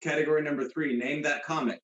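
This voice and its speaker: A man's voice: fairly high pitch, steady tone, fast talker, a bit bright, echoey room, dull audio. A man hosting a casual comedy trivia game, rambling with many fillers and restarts. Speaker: host. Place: room with a guest beside him.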